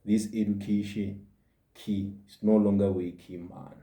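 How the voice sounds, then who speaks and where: A man putting on a laid-back Jamaican man with a Jamaican accent and a slow, easygoing drawl. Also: lowish voice, little pitch movement, mellow, natural voice. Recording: roomy echo.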